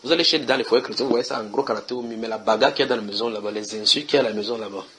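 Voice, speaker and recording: A man's voice: mid-range voice, very fast, a bit bright, a little hiss or hum. A man preaching at a house church, reading Bible verses and questioning his listeners in a conversational way.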